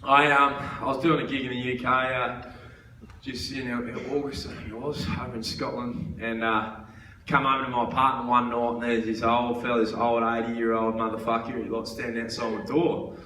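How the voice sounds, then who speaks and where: A man's voice: mid-range voice, level tone, brisk. A man with an Australian accent doing a live stand-up set on a theatre stage, ranting profanely. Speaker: stand-up comedian. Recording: echoey theatre, distant mic, crowd noise.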